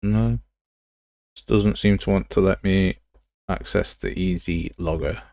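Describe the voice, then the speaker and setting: Unhurried and gravelly, with a slightly mellow edge, a man's low voice carries his casual livestream commentary as he browses software assets, grumbling and reasoning aloud. The sound is studio quality with no room sound.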